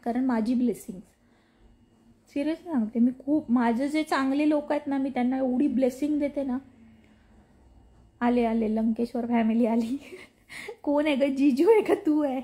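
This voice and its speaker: A woman creator chatting casually as she reads and answers her followers' comments, mock-scolding and teasing them with a sharp tongue. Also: high voice, fairly even intonation, moderate pace, long pauses. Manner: bursts of laughter and mock scolding. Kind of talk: casual chat reading and replying to comments.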